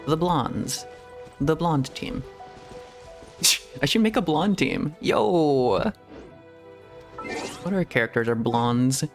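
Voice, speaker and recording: A VTuber streamer with a slightly high, animated voice chats casually over gameplay, speaking slowly with frequent pauses. He rambles and laughs a lot, with faint game music in the background.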